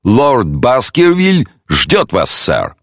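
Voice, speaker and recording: A man's voice: medium pitch, wildly swooping pitch, drawn-out words, fairly bright tone, dry recording, clean studio sound, voice pushed up, exaggerated voice. A man voicing a deferential manor butler with stiff, formal speech in an audiobook.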